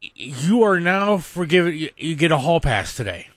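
A radio co-host with a fairly high, sing-song voice and wide swings in intonation banters casually at a moderate pace, pressing his point with playful insistence. The recording is dry and close, as in a studio, with no room sound.

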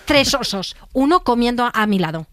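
A woman co-hosting a casual chat, expressive and quick to laugh. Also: a little high, no room sound, clean studio sound.

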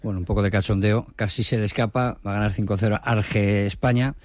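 A man's voice: lowish voice, fairly even intonation, a little fast, a little mellow. A man reporting sports news on the radio in a conversational way with fillers.

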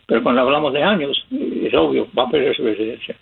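Over a tinny phone connection, an older Californian man with a raspy, mid-range voice gives immigration advice as a guest on laid-back radio. He talks very fast and with lots of animation, plain-spoken and chuckling through his anecdotes.

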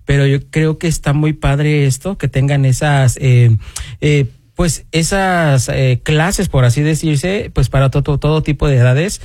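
A man's voice: a little high, darkish tone, no echo, clean studio sound. A man hosting a radio interview, talking casually and encouragingly, often checking in with his guest. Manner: casual, encouraging, fills pauses with "eh" and "¿verdad?". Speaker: radio host.

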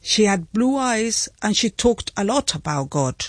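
A woman reads an interpreted first-person voice-over in a gentle, steady way. Her voice is mid-pitched for a woman. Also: unhurried, no echo.

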